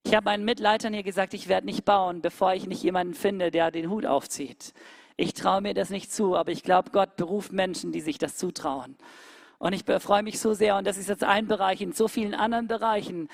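Eine Frau hält eine emphatische Predigt und senkt dabei oft abrupt Tonhöhe und Lautstärke. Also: female voice, fairly even intonation, brisk, creaky, no echo, clean studio sound. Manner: emphatic, with sudden drops in pitch and volume. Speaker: preacher. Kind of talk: sermon.

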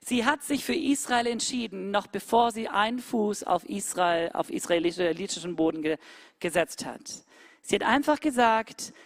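Eine Frau hält eine emphatische Predigt und senkt dabei oft abrupt Tonhöhe und Lautstärke. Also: female voice, normal speed, no room sound, clean studio sound. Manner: emphatic, with sudden drops in pitch and volume. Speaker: preacher. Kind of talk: sermon.

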